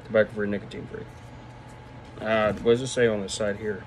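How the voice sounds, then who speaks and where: A man's voice: fairly low pitch, flat delivery, fairly quick, slight background noise. Young man talking with a lip full of dip. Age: 20s. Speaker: product reviewer. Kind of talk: casual vlog review, off the cuff. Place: small room indoors. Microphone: phone at arm's length.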